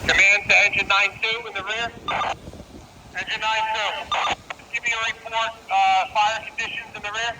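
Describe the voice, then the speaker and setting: High-pitched man on noisy fire radio. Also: little pitch movement, moderate pace. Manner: clipped, procedural. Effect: two-way radio. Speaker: fire department officers on radio. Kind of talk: terse emergency radio dispatch traffic. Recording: very noisy fireground radio scanner audio.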